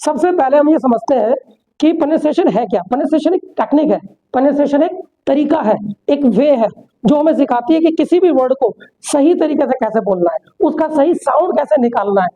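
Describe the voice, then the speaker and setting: A woman's voice: sits high, expressive, mellow. A woman teaching an English pronunciation lesson, mixing Hindi and English, repeating words and asking the class questions. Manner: repetitive, asks the class questions; slows down sharply for English sentences. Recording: dull, lo-fi sound.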